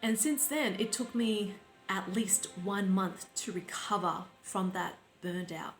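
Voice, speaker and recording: A woman life coach speaking reflectively to her audience, in a slow, deliberate and gently instructive way. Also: medium pitch. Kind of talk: reflective talk to camera. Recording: roomy sound with faint background music.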